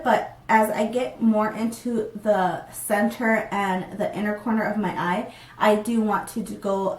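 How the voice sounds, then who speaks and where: Recorded from afar in a roomy small space with a plain backdrop, a young woman with a medium-pitched voice casually walks through a makeup tutorial. She's a beauty vlogger who sounds stuffy from a cold and says um a lot.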